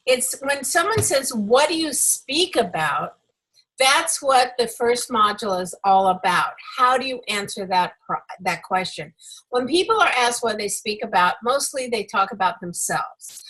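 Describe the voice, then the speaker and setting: A woman's voice: fairly high pitch, pushed and bright, breathy edge, low-quality recording. A woman working as a public speaking coach, giving effusive, emphatic, encouraging feedback to a group on a video call.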